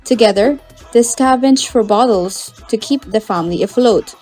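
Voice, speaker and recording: A woman reads a scripted news profile with a polished, sweeping flair, her voice pitched somewhat high. Soft music plays quietly beneath her words. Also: normal speed, husky. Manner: dramatic, polished delivery. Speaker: news feature reporter. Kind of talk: scripted news feature narration.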